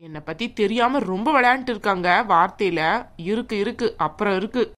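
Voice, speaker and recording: A woman voicing a proud, scheming young bride in a cartoon, sharp-tongued and snippy. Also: medium pitch, quick pace, close to an everyday voice. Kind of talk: cartoon voice acting.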